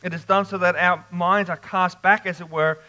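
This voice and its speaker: A man preaching an expository sermon, slow and emphatic with dramatic pauses. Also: sits high, fairly even intonation, pushed and bright, poor audio.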